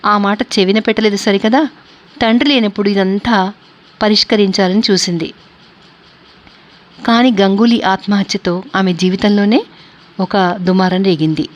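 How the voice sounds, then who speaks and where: A woman reads a novel aloud as the channel's storyteller. Her delivery is steady and measured. Her pitch sits in an ordinary middle range. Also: muffled recording. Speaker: audiobook narrator.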